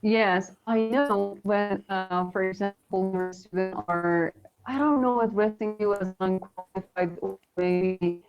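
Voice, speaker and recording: A woman's voice: mid-range voice, fairly even intonation, unhurried, clear, resonant tone, soft background music. Woman, casual live-stream guest on a breaking-up, glitchy connection, hesitant, muffled phone audio. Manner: chatty, hesitant, stops to search for words. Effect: glitchy breaking-up internet connection. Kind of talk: casual chat.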